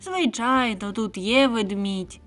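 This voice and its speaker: A woman voicing a gang of noisy, playful young forest animals, a squirrel among them, who shout excitedly. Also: fairly high pitch, takes it slowly, soft background music. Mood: boisterous.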